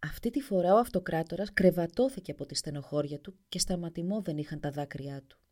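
A woman narrating a folk tale in an expressive storybook reading. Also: lowish voice.

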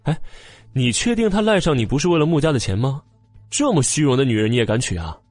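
A man's voice: mid-range voice, expressive, fast, no echo, voice pushed up, close to an everyday voice. A man voicing an arrogant young man in an audiobook, talking in a sneering, taunting way. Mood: mocking. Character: arrogant, mocking young man, old friend. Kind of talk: audiobook character voice. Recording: dry close mic with faint music.

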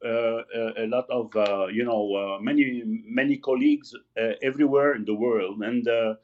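Older man, 60s, halting guest who searches for words, mid pitch, slightly muffled lo-fi recording. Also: a little mellow. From Lebanon. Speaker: magazine founder, guest. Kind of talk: casual interview talk. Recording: slightly dull lo-fi audio.

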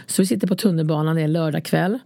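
A middle-aged woman from Hälsingland, a former bodyguard, calmly and frankly telling her story as an interview guest in a studio. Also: low-pitched, creaky, no echo. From Sweden, Hälsingland. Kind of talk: casual interview chat.

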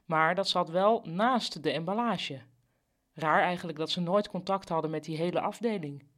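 A woman's voice: fairly low pitch, moderate pace. A woman narrating a serialized comic story in a dry, matter-of-fact way.

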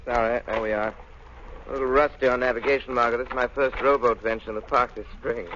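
An actor playing a suave, wealthy man with a smooth, relaxed manner in an old radio drama. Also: mid-range voice, fast, a little hiss or hum, close to an everyday voice. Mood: easy. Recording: muffled old radio recording.

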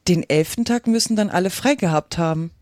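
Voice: mid-range voice, brisk, a little mellow, dry recording, studio quality, lightly acted. A reader voicing a curious, polite young girl asking eager questions in a storybook reading. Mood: earnest.

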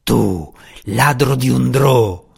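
A man reading an audiobook, voicing a brutal male bounty hunter who growls his lines slowly and menacingly. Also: fairly low pitch, gravelly, slightly rough, full character voice. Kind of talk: audiobook character voice.

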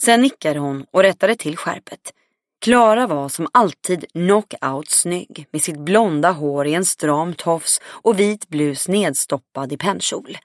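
A woman's voice: on the low side, animated, no echo, clean studio sound. Woman reading a first-person audiobook. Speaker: audiobook narrator. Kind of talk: scripted first-person narration.

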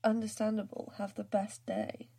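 A woman's voice: mid-range voice, very animated, normal speed, vocal fry, warm tone, husky. A woman co-hosting a podcast in casual chat, laid-back and wry. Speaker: podcast co-host.

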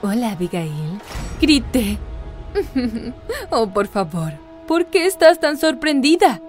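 A woman voicing a scheming evil twin girl in an animated story, speaking low and taunting. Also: unhurried, faint music behind.

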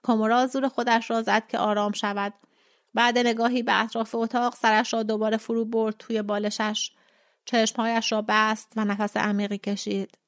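A woman podcast host narrating a short story in a calm, measured reading. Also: fairly high pitch, no echo, clean studio sound.

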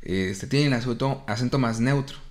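A man's voice: medium pitch, moderate pace. A man, co-hosting a podcast in casual chat, often correcting and explaining. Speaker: podcast co-host.

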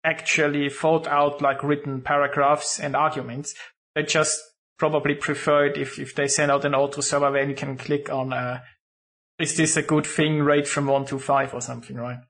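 A man's voice: a little high, level tone, normal speed, fairly bright tone. A man in a casual podcast chat who reads listener questions aloud and comments on them.

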